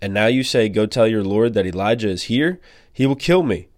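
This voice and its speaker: A man reading the part of a frightened male servant pleading his loyalty, earnest and measured. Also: fairly low pitch, lively intonation, no room sound, studio quality, lightly acted.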